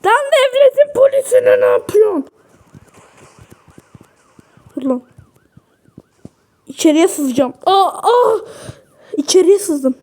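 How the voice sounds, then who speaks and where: A woman hosting a gaming video, giving excited gameplay commentary with loud taunts and rough slang. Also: very high voice, slow, pauses often.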